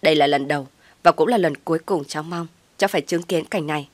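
A woman's voice: low-pitched, quick pace, no echo. A woman voicing a stern, protective older brother who speaks threateningly, in a storybook reading.

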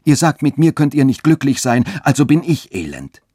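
A man's voice: mid-range voice, lively intonation, normal speed, a little mellow, breathy edge, no room sound, clean studio sound, pitched above the performer's own voice. A man voicing a passionate young lover who pleads fervently and urgently. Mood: pleading ardently.

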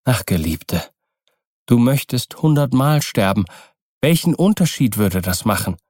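A man's voice: mid-range voice, lively intonation, unhurried, darkish tone, no room sound, studio quality. A man voicing a troubled young husband in an audiobook reading, subdued and sorrowful.

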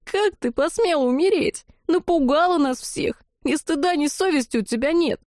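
A sobbing, scolding young woman with a shrill, high voice, as a woman reader puts her on. She wails her reproaches and sounds close and dry. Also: expressive, normal speed, darkish tone, no echo. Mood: tearful scolding. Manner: wailing, scolding, high-pitched.

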